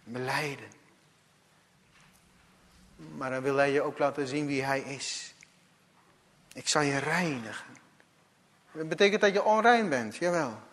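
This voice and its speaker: A man preaching a sermon, emphatic and repetitive, swinging between loud calls and quiet asides. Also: a little high, moderate pace, pauses often. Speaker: pastor. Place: church. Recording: church hall reverb.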